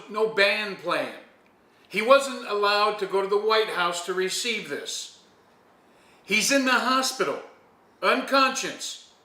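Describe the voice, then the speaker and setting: Male interviewer, high bright voice, emphatic storytelling delivery, recorded at a distance in an echoey space. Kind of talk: informal interview with admiring commentary. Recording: echoey room, distant from the mic.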